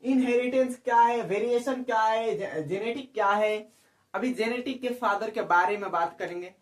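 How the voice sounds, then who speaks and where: A man's voice: sits high, normal speed. A male biology teacher giving an exam-prep lecture, who keeps asking rhetorical questions, repeats key terms and checks that students follow. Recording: echoey room, speaker far from the mic.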